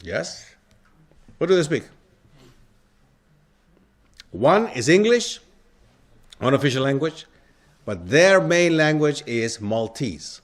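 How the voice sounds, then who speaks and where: A very animated man with a slightly high voice speaks slowly and pauses often while lecturing a live audience in a lecture hall. He keeps stopping to put questions to the crowd, quizzing them throughout.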